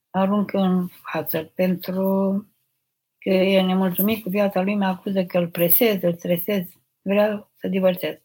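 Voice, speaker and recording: An older woman, an abbess, reading out viewers' questions and answering them in a gentle, motherly, unhurried way during a live spiritual question session. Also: fairly low pitch, husky. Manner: gentle, motherly, unhurried, addresses listeners tenderly. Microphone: live stream microphone.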